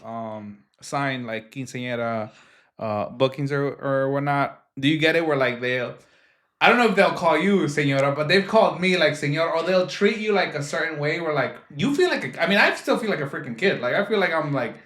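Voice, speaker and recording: A man's voice: a little high, lively intonation, a little fast, fairly bright tone. A man in his twenties hosting a podcast, chatting casually and joking with lots of fillers. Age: 20s. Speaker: podcast host. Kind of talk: casual chat.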